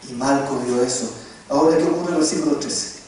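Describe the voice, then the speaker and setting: A man's voice: medium pitch, fast talker, slight background noise. A man preaching a sermon, telling stories with jokes and questioning his listeners. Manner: animated, joking, asks the audience questions. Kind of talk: sermon storytelling. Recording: very echoey hall, distant mic.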